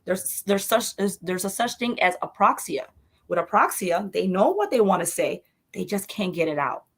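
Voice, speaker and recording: A woman's voice: mid-range voice, sing-song, normal speed, breathy edge. Earnest mother speaking emphatically. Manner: earnest, emphatic, repeats herself. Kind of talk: interview conversation.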